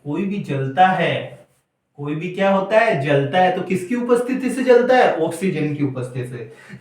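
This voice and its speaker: A male teacher, giving a classroom lecture. He keeps quizzing the class and answering his own questions. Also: high-pitched. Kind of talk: classroom lecture with call-and-response. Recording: very echoey room, mic far off.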